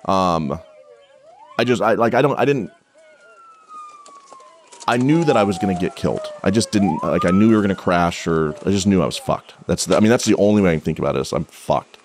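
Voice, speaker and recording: A man's voice: low-pitched, brisk, slight background noise. A man who is a police officer, telling a story in a casual podcast interview, blunt and profane, with frequent restarts.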